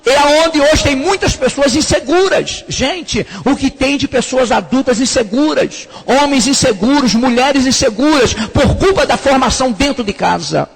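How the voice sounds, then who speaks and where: A man, a pastor, preaching to couples in a lively sermon and acting out the voices of the people in his stories. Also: very high-pitched, normal speed, vocal fry, hardly any pauses, slightly rough. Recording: reverberant church hall.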